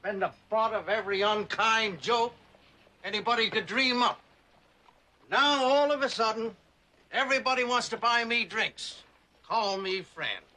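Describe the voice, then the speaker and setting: High-voiced, folksy old prospector. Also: male voice, unhurried, bright, forceful tone, low-quality recording. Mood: wry, suspicious. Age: older. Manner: folksy old prospector drawl, wry and suspicious. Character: wary, sardonic old male prospector. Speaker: actor in a TV western. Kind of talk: TV western drama acting.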